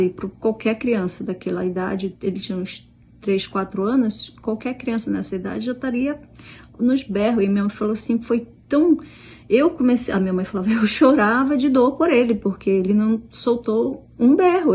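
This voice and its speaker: Fairly high and mellow with a breathy edge, her voice carries a Brazilian Portuguese accent. She is a middle-aged Brazilian mother and vlogger casually telling a story about a conversation, quoting dialogue and restarting many times.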